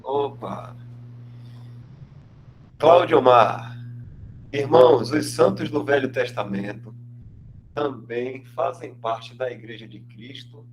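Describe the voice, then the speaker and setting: A man moderating an online Bible study, reading out questions slowly through a bad microphone that makes his voice sound half robotic. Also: mid-range voice, a little hiss or hum. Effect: half-robotic distorted voice from a bad microphone. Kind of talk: reading out questions in a group call.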